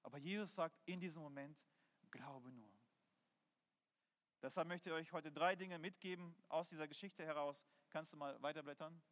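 A man's voice: a little high, steady tone, brisk, few pauses, fairly bright tone. A man preaching a sermon in an earnest, conversational way, telling personal stories. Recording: long hall reverb.

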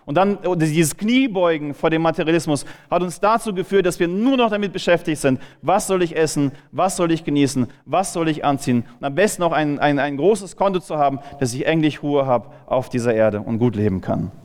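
A man's voice: on the high side, fairly quick, hardly any pauses, a little mellow, long reverb tail. A man preaching a sermon in a casual, conversational way, asking his listeners rhetorical questions.

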